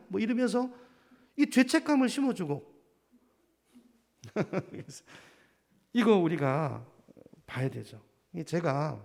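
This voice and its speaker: Gravelly high-pitched male pastor preaching. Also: darkish tone. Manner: conversational preaching, rising to fervent emphasis. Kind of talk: sermon. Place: church sanctuary. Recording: reverberant church hall.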